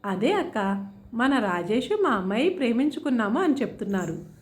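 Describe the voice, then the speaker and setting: A woman voicing a gentle middle-aged village father who pleads earnestly and hesitantly. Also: on the high side, big pitch swings, normal speed. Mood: pleading.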